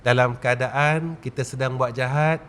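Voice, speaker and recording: A man preaching a religious lecture in a Malaysian Malay accent, asking rhetorical questions and leading slow chanted recitations. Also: mid-range voice, fairly even intonation, fairly bright tone, a little hiss or hum. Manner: rhetorical questions, repeated 'tuan-tuan'.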